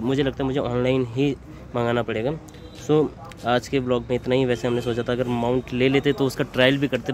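A young man in his twenties vlogging casually to a handheld camera, chatty and relaxed, dropping in English phrases. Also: medium pitch. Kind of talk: casual vlog talk to camera. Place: outdoors on streets and in a small shop. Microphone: handheld camera at arm's length. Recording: noisy outdoor street sound.

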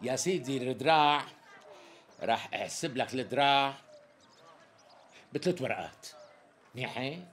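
An actor with a Syrian accent playing a flattering tailor who talks around the price in flowery sales patter. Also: male voice, mid-range voice, moderate pace, long pauses, close to an everyday voice. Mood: coaxing. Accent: Syrian Arabic. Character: smooth-talking flattering tailor who dodges naming a price. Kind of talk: TV sketch comedy acting.

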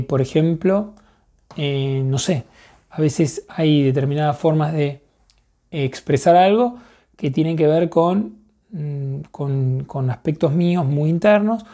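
Mellow man teaching therapists. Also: fairly high pitch. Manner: relaxed, thinks aloud, checks in with frequent "right?". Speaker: therapy and coaching instructor. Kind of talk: explanatory teaching talk.

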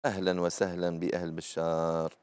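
A man's voice: low voice, level tone, fast talker, a little mellow, clean tone. A middle-aged man with an Algerian accent, hosting a live TV lesson on recitation rules and explaining them patiently, often repeating the key points. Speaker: Quran recitation teacher and host.

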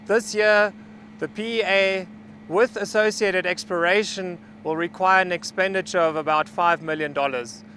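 A man in his thirties gives a measured, factual on-site briefing to camera outdoors on a salt flat, speaking as a mining company representative on a lapel mic. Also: high-pitched, a little hiss or hum. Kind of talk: on-site project presentation to camera. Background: background music.

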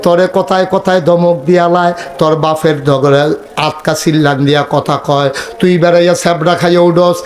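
High-voiced man telling a comic sermon. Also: steady tone, a little fast. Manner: storytelling with acted dialogue, bursts into high shouting. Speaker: preacher. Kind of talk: humorous village sermon.

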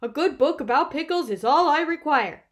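A woman's voice: mid-range voice, moderate pace, close to an everyday voice. A woman voicing a pompous, grumpy, stubborn male bear from a children's storybook. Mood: indignant, shouting. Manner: pompous, haughty, loudly protesting.

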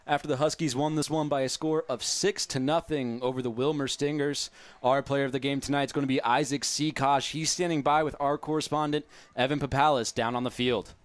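Casting: young male sports host, smooth resonant voice, dry close headset sound. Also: mid-range voice, steady tone, brisk, no echo. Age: young adult. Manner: upbeat, polished broadcaster delivery. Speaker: postgame show host. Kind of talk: sports postgame recap. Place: stadium broadcast booth. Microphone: headset mic.

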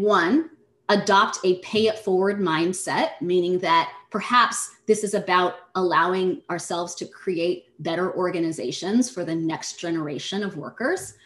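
A woman leading an online workshop, explaining ideas in a measured way and speaking directly to her audience. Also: lowish voice. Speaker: presenter. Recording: roomy echo.

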